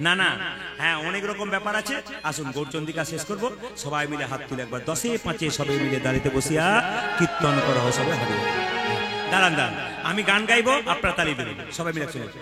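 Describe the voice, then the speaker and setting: A man's voice: a little high, lively intonation, quick pace. A man giving a devotional stage talk, telling stories and jokes and leading the audience in chanting. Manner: storytelling, jokes with the audience, leads call-and-response chanting. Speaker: kirtan singer and preacher. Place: stage program before a live audience. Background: music.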